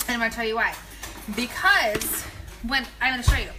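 A pregnant woman in her thirties who coaches nutrition gives brisk, rambling meal prep tips from her kitchen on a casual live video shot at arm's length on her phone. Her slightly high voice comes with animated asides over a noisy background.

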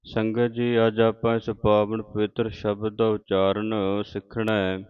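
A Punjabi-accented man teaches scripture pronunciation at a very slow, careful pace. His voice is dry and close, and the recording sounds a little dull and lo-fi. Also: fairly low pitch, completely flat delivery, smooth, dry recording. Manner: recites verses slowly, then corrects wrong readings. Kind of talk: slow, measured recitation lesson.

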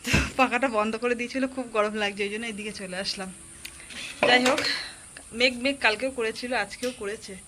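A woman's voice: a little high, fairly quick. A woman chatting casually to her viewers about her day at home. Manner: rambling homely chat addressed to viewers; speaks softly so a sleeping child won't wake. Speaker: vlogger. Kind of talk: casual chatty daily vlog. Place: home, indoors. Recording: noisy home phone recording.

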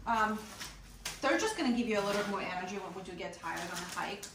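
A woman's voice: mid-range voice, lively intonation, quick pace. A young woman vlogging at home, eagerly adding and confirming details about hiking gear. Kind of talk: casual gear walkthrough. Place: living room floor, indoors. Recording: roomy, distant camera mic, faint hiss.

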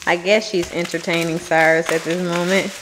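A woman's voice: lowish voice, flat delivery, normal speed, heavy background noise. An American woman chatting casually and candidly to viewers in a family vlog. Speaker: family vlogger.

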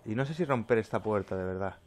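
A man talks through his gameplay in a lively, wide-ranging voice that leaps up when he gets scared. He curses and mutters to himself in a jumpy, nervous way. A faint hiss sits under the recording. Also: fairly low pitch, quick pace. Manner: jumpy, swearing, yelping when frightened. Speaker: gameplay commentator. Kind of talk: let's play commentary.

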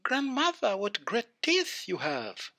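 A man's voice: extremely high pitch, wildly swooping pitch, takes it slowly, pushed and bright, pitched above the performer's own voice, exaggerated voice. A man voicing an innocent, polite little girl in a storybook tale, naive and wide-eyed. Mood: wondering. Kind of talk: storybook character voice.

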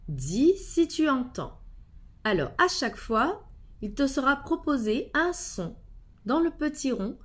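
A woman teacher giving a slow, carefully articulated reading lesson to young children, patiently speaking to the child and repeating each word twice. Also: fairly high pitch. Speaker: primary school teacher.

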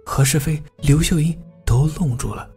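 A man narrating a film summary in an even, storytelling way. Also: on the high side, moderate pace. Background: faint guitar music.

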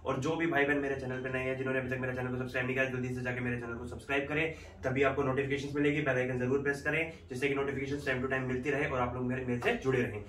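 Quick-talking guy, vlog host, snappy and irritated, roomy echo from a distance. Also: mid-range voice, level tone. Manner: snaps loudly, irritated and dismissive in the argument. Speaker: vlog host pranking his wife. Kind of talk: casual vlog intro and staged argument. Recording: echoey room, mic at a distance, faint noise.

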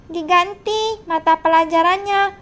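A woman's voice: very high-pitched, steady tone, a little slow, fairly bright tone. A woman voicing a strict, scolding male schoolteacher in a game role-play. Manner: scolding, bossy.

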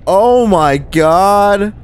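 Young man, casual game commentary, rambling and laughing, lively up-and-down voice, slightly high. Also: very slow, clean tone. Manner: chatty, rambling, laughs often. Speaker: co-host playing a video game. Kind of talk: casual let's-play commentary.

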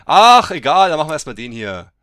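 A man giving let's play game commentary, excitable and teasing, who swears and bursts into loud yells. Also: on the high side, brisk, clear, resonant tone, no room sound, clean studio sound. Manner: mocking, teasing banter.

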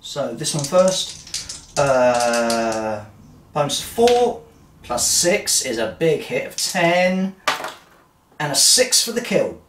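In a sing-song, medium-pitched voice, a player narrates a solo tabletop wargame slowly, with long pauses, muttering dice sums and humming to themselves. It's a relaxed roll-by-roll commentary, recorded on a far-off mic that sounds roomy over a noisy background.

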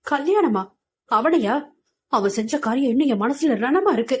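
Woman doing hurt defiant young woman, emotional, highish voice. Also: animated, normal speed, slightly rough. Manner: emotional, pleading.

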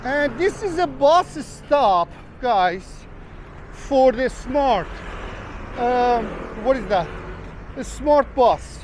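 A travel vlogger strolls down a rainy street chatting casually and rambling to viewers, whom he calls guys, as traffic noise rumbles behind him. His voice is very high-pitched with lively intonation, and he speaks very slowly.

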